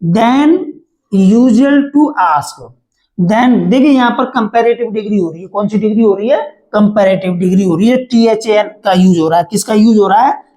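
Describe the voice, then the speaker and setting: A man's voice: high-pitched, fairly quick, mellow, low-quality recording. A male teacher giving a class lecture, asking and answering his own questions and repeating key words to drill them in.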